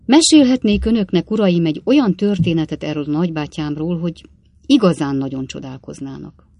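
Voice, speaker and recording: A woman voicing a sly, one-eyed male traveling salesman who tells stories in a knowing, drawn-out way, in an audiobook reading. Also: low voice, gravelly, mellow, no echo.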